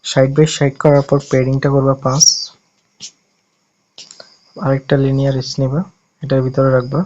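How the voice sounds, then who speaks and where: A man's voice: medium pitch, completely flat delivery, normal speed, a little mellow, highs cut off, a little hiss or hum. A man from Bangladesh talking through an app-building tutorial step by step in a casual way, often correcting himself as he goes. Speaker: tutorial host.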